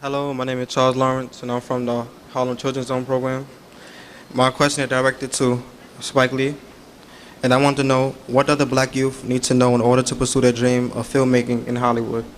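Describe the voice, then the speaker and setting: Guy from the crowd, asks his question flat and steady. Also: mid-range voice, fairly quick, a little hiss or hum. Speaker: audience member asking a question. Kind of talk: formal question from the floor.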